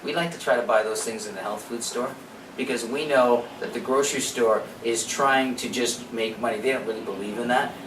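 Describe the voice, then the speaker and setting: A man's voice: medium pitch, fairly quick. A man presenting an informal health seminar in a conversational, opinionated way, with rhetorical questions and quoted asides. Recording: echoey room, distant mic, background noise.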